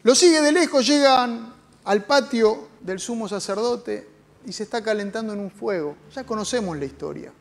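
A man's voice: sits high, animated, normal speed. A man with an Argentine accent, a pastor preaching a sermon as dramatic storytelling with rhetorical questions. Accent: Argentine Spanish.

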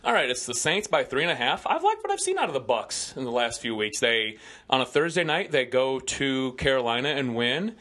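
Midwestern guy on a sports podcast mic, bright clear voice, chatty and sure of his picks. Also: mid-range voice, very animated, a little fast. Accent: Midwestern American. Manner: confident, chatty betting analysis. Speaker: podcast co-host giving football picks. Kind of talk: casual sports podcast banter. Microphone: studio podcast microphone.

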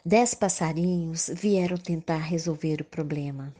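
A woman's voice: low-pitched, a little slow, mellow. A Brazilian woman narrating a children's story expressively, in the manner of a kids show host.

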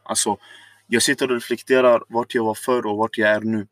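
A man's voice: fairly low pitch, flat delivery, fairly bright tone, dry recording, studio quality. A man casually telling a long personal story on a podcast, rambling and reflective, with many fillers.

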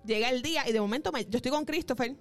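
A woman co-hosting a podcast, talking in a relaxed, chatty way. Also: fairly high pitch, very fast, faint music behind. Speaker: podcast co-host. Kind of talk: casual podcast chat.

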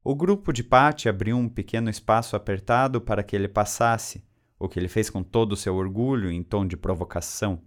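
Low-voiced man reading a story. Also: brisk. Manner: steady, even reading. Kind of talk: reading fan fiction aloud.

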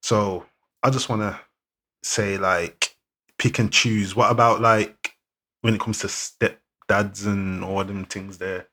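A man's voice: lowish voice, fairly even intonation, takes it slowly, sharp tone. A man with an urban London roadman accent, chatting casually in slang as a podcast co-host. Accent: London, urban street. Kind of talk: casual chat in street slang.

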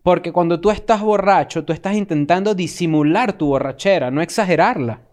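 A man hosts a loose podcast conversation, his speech rattling along at a brisk clip. His voice sits slightly high for a man. He tells stories in a jokey, animated way and keeps the banter moving. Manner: rapid, animated, jokey storytelling. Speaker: podcast host. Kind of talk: casual podcast chat.

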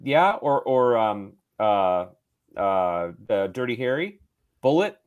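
A man's voice: fairly low pitch, sing-song, slow pace, clean tone, highs cut off. A man chatting casually as a movie podcast co-host. He rambles enthusiastically, piling up ums and uhs as he builds his points. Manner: enthusiastic, rambling with many fillers.

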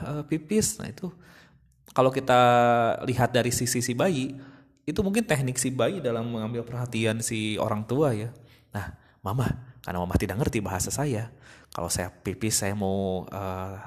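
Chatty man. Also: mid-range voice. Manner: chatty, imitates babies and others mid-talk. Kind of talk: casual monologue.

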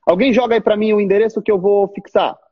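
A Brazilian man who runs an online course, talking to his subscribers on a live stream in a lively, direct way. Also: sits high, fast, muffled recording. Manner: animated, talks straight at viewers, mimics complaining students.

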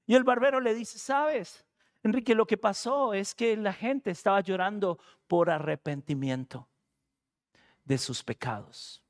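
A male preacher with a notably high voice tells a personal story from the pulpit. He talks in a relaxed, chatty way and acts out the lines of the people in his tale. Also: measured pace. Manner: conversational, animated storytelling with laughs and quoted voices. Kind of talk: sermon storytelling.

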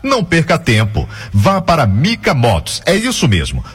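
A man's voice: a little high, huge pitch swings, normal speed, breathy edge. A Brazilian man reading radio ads in a conversational, persuasive sales style. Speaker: radio advert announcer.

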